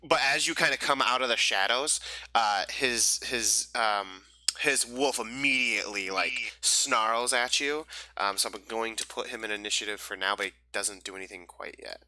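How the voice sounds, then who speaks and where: Bright-voiced young game master, rambling. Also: male voice, on the low side, moderate pace, no room sound, poor audio. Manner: casual, rambling, many fillers and restarts. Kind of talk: narrating a tabletop game.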